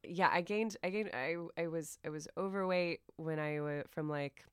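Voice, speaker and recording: A woman's voice: low voice, moderate pace, clear, resonant tone, no echo, studio quality. An American woman in her thirties chatting as a podcast guest, rambling and self-deprecating with frequent laughter. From United States. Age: 30s. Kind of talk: casual podcast chat.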